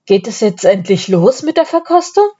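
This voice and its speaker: A woman's voice: fairly low pitch, steady tone, a little slow, warm tone, husky, muffled recording. A woman voicing an impatient, greedy man with a sweet tooth who talks eagerly.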